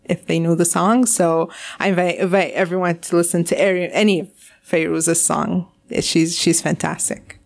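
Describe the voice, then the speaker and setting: A young woman from Syria talks as a radio guest, with a fairly low voice. She speaks warmly and eagerly, often stopping to restart her sentences and fill the gaps with ums and you knows. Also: level tone, normal speed, vocal fry. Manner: warm, enthusiastic, many fillers and restarts. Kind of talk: casual radio interview chat.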